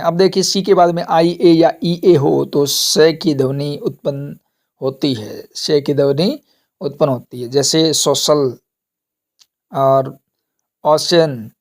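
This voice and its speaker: A man's voice: fairly high pitch, fairly even intonation, unhurried, darkish tone. A man teaching English pronunciation, drilling words and asking and answering his own questions. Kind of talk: classroom lesson on pronunciation.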